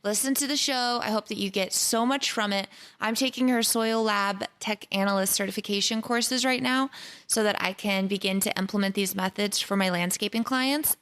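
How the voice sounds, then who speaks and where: Host: earnest, enthusiastic woman, average pitch. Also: fairly bright tone. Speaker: podcast host. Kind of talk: podcast intro and interview.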